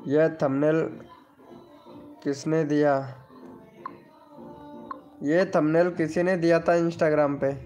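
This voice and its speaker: A man's voice: fairly high pitch, fairly even intonation, slow pace, pauses often, darkish tone. Chatty Hindi-speaking man live-streaming over music. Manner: chatty, reads viewer names and comments aloud. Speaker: live stream host promoting channels. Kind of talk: casual live-stream chat with viewers. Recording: faint background music.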